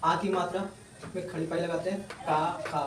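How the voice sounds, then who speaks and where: Male tutor, high-pitched, sounding out letters slowly for students; echoey room. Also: fairly even intonation. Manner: slow, repeats definitions and sounds out letters one by one. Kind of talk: explaining a grammar lesson to students. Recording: roomy, distant mic, faint ambient noise.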